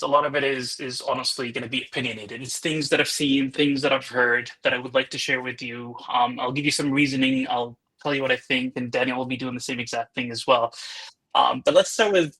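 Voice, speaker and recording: A man's voice: mid-range voice, pushed and bright, rough recording. A man giving a casual, opinionated webinar presentation, talking conversationally with frequent restarts.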